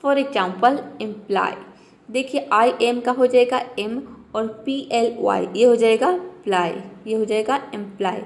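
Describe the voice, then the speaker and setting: A woman's voice: a little high, unhurried. A woman teaching an English pronunciation lesson, patiently explaining step by step and talking directly to her viewers.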